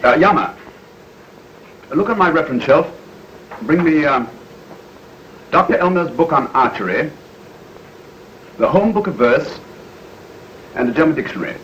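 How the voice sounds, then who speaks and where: An actor playing a suave, ironic British gentleman detective with a languid, teasing drawl in 1930s film style. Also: fairly high pitch, sing-song, measured pace, pauses often. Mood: languid instructing. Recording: muffled, hissy 1930 film soundtrack.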